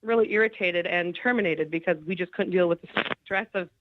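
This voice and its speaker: A woman's voice: fairly low pitch, brisk, lo-fi sound, background noise. A woman calling in to a radio show, telling her story plainly and candidly with some hesitations. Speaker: caller, former client. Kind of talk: phone-in interview. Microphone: phone line.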